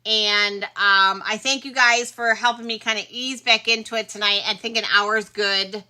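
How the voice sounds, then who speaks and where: A woman's voice: medium pitch, fairly even intonation, moderate pace, pushed and bright. A middle-aged woman hosting a casual live stream, chatting with viewers and sounding tired. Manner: chatty, friendly sign-off to viewers. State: tired, yawning. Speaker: livestream host selling pearls. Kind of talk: casual livestream chat.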